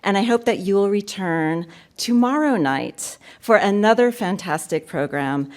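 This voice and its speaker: A woman's voice: mid-range voice, lively intonation, a little slow. Upbeat woman hosting a reading. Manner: warm, gracious and upbeat, with filler ums. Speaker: event host introducing a poetry reading. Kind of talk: welcoming remarks and announcements. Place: university lecture room.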